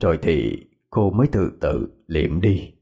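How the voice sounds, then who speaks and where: Low expressive male ghost-story narrator. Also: measured pace, gravelly, slightly rough. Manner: expressive, dramatic. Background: faint music.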